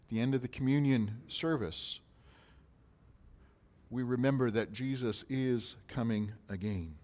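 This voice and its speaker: A pastor preaching a sermon, asking questions in a rising voice and answering them more quietly. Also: male voice, mid-range voice, measured pace.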